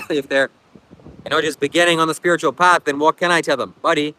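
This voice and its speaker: A man's voice: on the high side, fairly even intonation, fairly quick, bright, forceful tone, low-quality recording. A man with a Ukrainian accent, English not his first language, chatting casually on a beach livestream and reading comments, coughing often and rambling reflectively. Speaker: livestream host. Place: outdoors at a beach. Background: faint wind.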